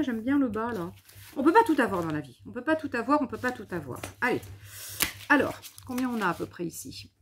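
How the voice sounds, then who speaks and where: A woman's voice: medium pitch, a little hiss or hum. A tired woman hosting a scrapbooking video, thinking aloud and teasing herself playfully as she works. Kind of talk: casual craft demonstration.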